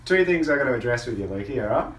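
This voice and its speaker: A man's voice: medium pitch, animated, very fast, roomy sound, slight background noise. Crude joking man on a travel vlog. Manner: crude, joking, swears a lot. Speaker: vlogger. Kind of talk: casual travel vlog banter.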